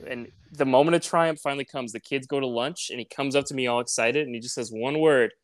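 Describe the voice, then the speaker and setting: Halting man telling a story. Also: mid-range voice, no echo. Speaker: podcast co-host. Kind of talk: casual podcast chat.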